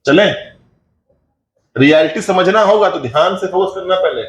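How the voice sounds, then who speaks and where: A man's voice: high voice, normal speed. A man teaching a physics class, asking his students questions and answering them himself, mixing in English terms. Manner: mixes Hindi with English terms. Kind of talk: classroom lecture. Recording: echoey room with faint background noise.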